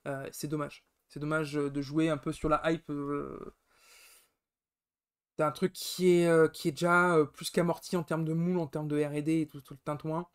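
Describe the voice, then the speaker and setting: A man's voice: on the high side, level tone, normal speed, smooth. A man hosting a casual live-stream podcast, rambling enthusiastically with frequent fillers and self-corrections, grumbling now and then. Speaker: podcast host.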